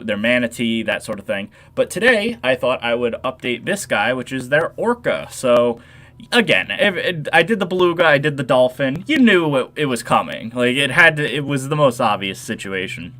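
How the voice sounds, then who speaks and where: A young man with a nasal voice hosts a casual modding livestream into a desk microphone. He rambles, doubles back and answers chat as he goes, at an ordinary middle pitch. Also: a bit bright.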